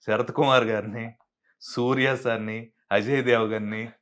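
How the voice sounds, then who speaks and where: In a mid-range voice that's a little slow, a man from Andhra Pradesh, India, who works as a dubbing artist shares stories in a casual interview. He's animated, imitating the voices of people he quotes.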